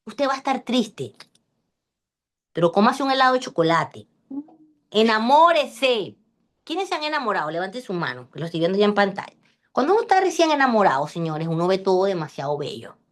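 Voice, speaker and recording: A woman giving a lively, chatty online class over a video call and joking with her students. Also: medium pitch, brisk. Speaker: class instructor. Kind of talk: online lecture.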